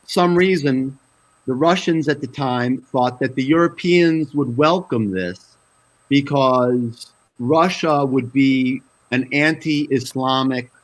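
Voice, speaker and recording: Man, guest analyst, slow, measured, lecturing, video call. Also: mid-range voice, poor audio. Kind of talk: panel commentary.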